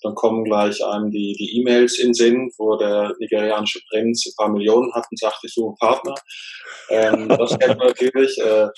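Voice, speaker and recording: A man in his thirties from Germany, living in Switzerland since age twelve, speaks as an interview guest, reflective and relaxed with some fillers. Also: on the low side, normal speed, low-quality recording. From Germany, then Switzerland from age twelve. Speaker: coach and author.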